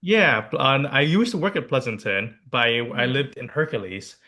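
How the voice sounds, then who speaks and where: A young man from Hawaii in his twenties, co-hosting a casual podcast chat. His voice is bright and forward. He talks candidly, jokes freely and repeats his points for emphasis. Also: medium pitch, sing-song, moderate pace. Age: 20s. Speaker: podcast co-host.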